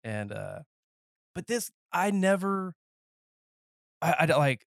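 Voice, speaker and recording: A man's voice: fairly high pitch, big pitch swings, slow, vocal fry, fairly bright tone, no echo, clean studio sound. Rambling congested man in his thirties. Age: 30s. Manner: rambling, self-interrupting, joking. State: congested, slightly nasal. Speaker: podcast host. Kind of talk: casual interview chat. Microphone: headphones and podcast mic.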